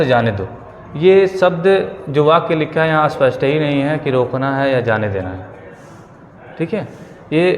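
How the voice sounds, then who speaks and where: A male teacher giving an exam-prep grammar lesson, repeating key phrases slowly and checking in with his students. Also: medium pitch. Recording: long reverb, faint ambient noise.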